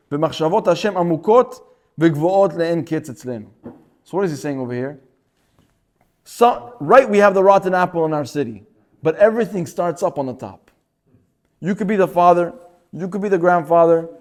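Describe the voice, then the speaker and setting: Man, high-pitched, animated synagogue Torah class, stammering repeats. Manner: animated, repeats words often, acts out quotes. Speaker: rabbi teaching a Torah class.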